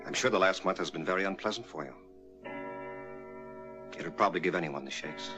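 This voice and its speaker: An actor playing a plain-spoken, concerned rancher with a steady, polite manner in a vintage American TV suspense drama. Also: male voice, low voice, brisk, over music, lightly acted. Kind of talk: mid-century American TV suspense drama acting.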